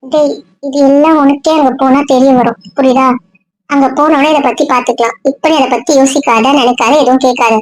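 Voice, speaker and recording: A woman scolds and comforts in quick, brisk bursts, her voice pitched very high. The sound is dry and close. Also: steady tone, no room sound, low-quality recording. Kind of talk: web series acting.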